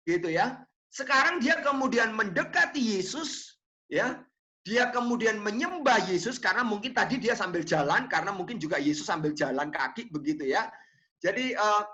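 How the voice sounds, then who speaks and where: A preacher from Indonesia giving a conversational sermon, tagging phrases with a questioning "ya" and acting out the quotes with animated voices. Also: mid-range voice, dull audio. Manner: conversational, tags phrases with "ya", addresses listeners as friends; acts out quotes with animated shifts.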